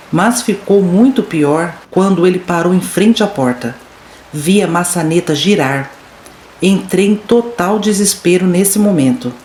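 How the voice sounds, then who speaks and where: A woman narrates a listener's horror story in the first person, building suspense with dramatic pacing. Her voice sits a bit low, and the recording carries noticeable room echo with a faint noise floor underneath. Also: a little mellow.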